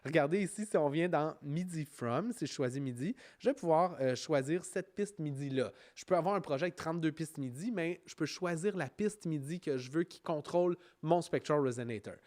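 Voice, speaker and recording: A man with a Quebec French accent narrating an informal software tutorial, explaining step by step in a conversational way. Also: on the high side, brisk, hardly any pauses. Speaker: music software instructor.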